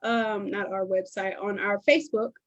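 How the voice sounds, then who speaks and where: A woman hosting a casual talk show, relaxed and conversational, sometimes drawling her words slowly. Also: mid-range voice, muffled recording. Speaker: host. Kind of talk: casual chat.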